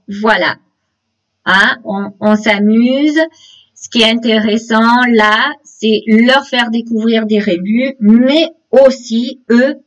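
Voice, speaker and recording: A woman's voice: a little high, a bit bright. A woman leading an online teacher-training webinar, explaining classroom games step by step and speaking directly to participants over a video call. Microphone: computer mic on a video call. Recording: dull lo-fi webinar audio.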